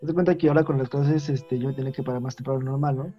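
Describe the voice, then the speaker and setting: A young man, telling a story in casual chat in a rapid, offhand way. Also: medium pitch, steady tone, soft background music. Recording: dull lo-fi audio.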